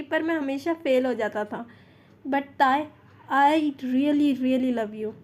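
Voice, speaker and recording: A woman voicing a teasing devoted boyfriend. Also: sits high. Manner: teasing, then earnest and soft. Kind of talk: storytelling fan fiction reading.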